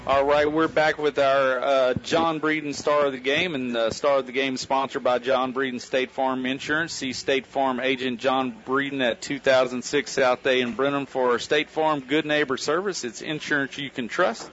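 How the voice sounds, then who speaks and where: A man with an American accent delivers post-game sports commentary in a medium-pitched voice. His phrasing is colloquial and folksy. The sound is dull and low in fidelity, like small-station radio. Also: steady tone, moderate pace, few pauses, fairly bright tone. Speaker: baseball play-by-play announcer.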